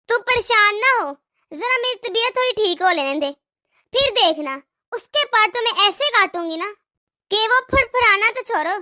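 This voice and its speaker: A woman's voice: extremely high pitch, sharp tone, full character voice. A woman voicing a bossy, vengeful old mother-in-law in a cartoon who groans and scolds.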